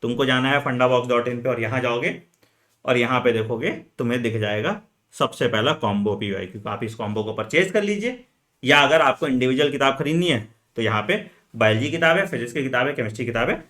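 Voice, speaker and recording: A man coaching medical entrance students in an energetic, chatty lesson, talking straight to them and dropping frequent fillers. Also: mid-range voice, quick pace. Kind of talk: energetic exam-strategy lesson, chatty Hinglish.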